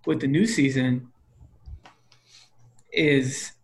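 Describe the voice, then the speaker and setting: A man's voice: mid-range voice, fairly even intonation, drawn-out words, creaky. A man co-hosting a casual sports podcast, musing aloud with hesitant, wondering questions and frequent fillers. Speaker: podcast co-host.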